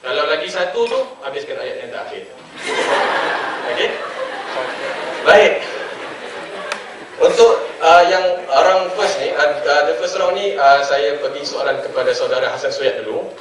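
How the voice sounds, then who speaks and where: A man's voice: medium pitch, normal speed, pauses often, distant mic, a crowd in the background. A young man from Penang with a Penang Malay accent moderating a student forum, hesitant with many fillers and light jokes. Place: large echoing hall. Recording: echoey hall, voice from afar.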